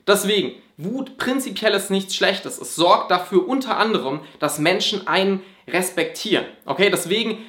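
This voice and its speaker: A man's voice: high-pitched, expressive, moderate pace, few pauses, a bit bright, reverberant. A man speaking as an anger management coach, talking earnestly and directly to the listener and asking rhetorical questions.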